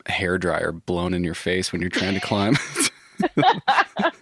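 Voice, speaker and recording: Inside a van, a male podcast host chats casually and does an ad read, sounding a little stuffy from a head cold. He's relaxed, laughs often, and restarts sentences. His low voice moves slowly with a breathy edge, recorded dry in studio quality.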